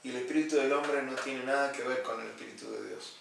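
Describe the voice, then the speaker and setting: A man's voice: medium pitch, fast, gravelly, a bit bright. Pastor guy teaching bible study, repeats himself, really echoey room, mic way off. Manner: earnest, explanatory, repeats key phrases. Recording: echoey room, distant mic, faint noise.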